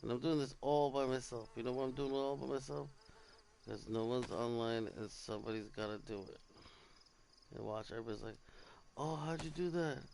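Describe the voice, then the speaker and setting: A man's voice: mid-range voice, flat delivery, brisk, creaky, slight background noise. A man talking casually through a survival game, sounding tired and rambling, with casual swearing. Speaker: gamer streaming survival gameplay. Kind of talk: casual gameplay commentary. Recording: loud game ambience of crickets and animals.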